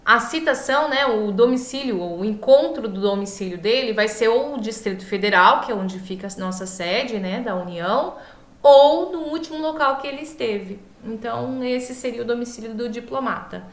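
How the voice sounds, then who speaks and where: Brazilian lady teaching online, highish voice, talking thru a swollen lip, trips on words, echoey room. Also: normal speed. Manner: stumbles on long words and corrects herself, checks in often. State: swollen mouth, slightly impeded speech. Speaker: law teacher. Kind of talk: online lecture, informal explaining.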